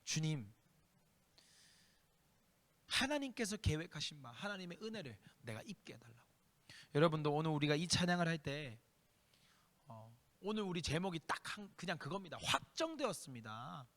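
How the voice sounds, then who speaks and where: A man's voice: fairly high pitch, sing-song, moderate pace, pauses often, a bit bright. A man preaching a youth sermon and leading prayer, impassioned and emphatic, repeating key phrases. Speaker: youth group pastor. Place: church worship hall. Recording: long church-hall reverb.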